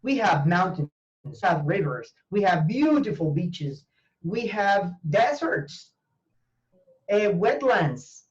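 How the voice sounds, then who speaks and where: A man from Venezuela, a language teacher talking earnestly as a guest, often pausing and restarting. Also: high voice, very animated, lo-fi sound, a little hiss or hum. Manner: earnest, hesitant with many fillers and restarts. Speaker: language teacher, university professor. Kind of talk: conversational interview.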